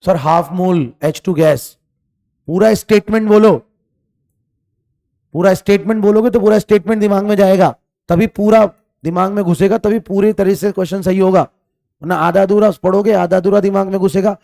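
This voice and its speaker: A man's voice: sits high, fairly even intonation, brisk, vocal fry, mellow. A man teaching chemistry in an online exam-prep class, asking questions, repeating them and scolding students for lazy answers.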